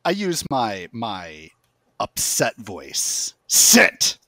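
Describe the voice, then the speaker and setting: A man playing a tabletop game, speaking in character in a slow, hushed, deliberate way, at times whispering, with a gravelly, husky voice. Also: medium pitch, big pitch swings, dry recording, studio quality. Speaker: player. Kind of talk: in-character tabletop role-play.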